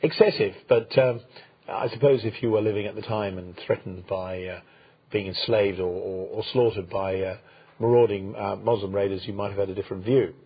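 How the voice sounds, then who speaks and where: A man co-hosting a history program, talking through events without a script, with many pauses, fillers and restarts. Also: on the low side, fairly even intonation, husky. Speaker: co-host, history presenter. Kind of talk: unscripted history talk. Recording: dull lo-fi sound.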